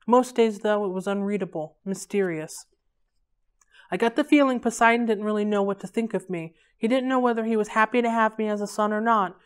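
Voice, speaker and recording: A woman hosting a library read-along, reading a novel aloud in a steady, unhurried way. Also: medium pitch, clear, resonant tone.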